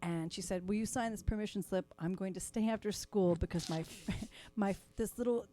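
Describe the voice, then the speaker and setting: A middle-aged woman comedian telling stories in casual chat, laughing often and acting out lively quoted voices. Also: medium pitch, a little fast. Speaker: comedian guest. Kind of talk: casual storytelling. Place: podcast studio.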